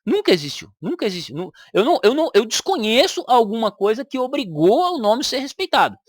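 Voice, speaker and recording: A woman's voice: on the high side, big pitch swings, a little fast, dry recording, studio quality. A woman with a Brazilian Portuguese accent, giving argumentative reaction commentary on a video and repeating her points for emphasis.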